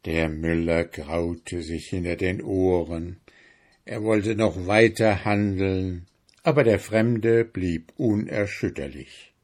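A man reading a fairy tale aloud in a slow, measured storytelling manner. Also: sits low, darkish tone. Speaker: narrator.

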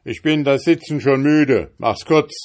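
A man voicing a grumpy, boastful male devil in a read-aloud fairy tale, talking in an impatient, shouting way. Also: medium pitch, unhurried, pitched above the performer's own voice, natural voice. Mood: furious. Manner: shouting, ill-tempered and impatient.

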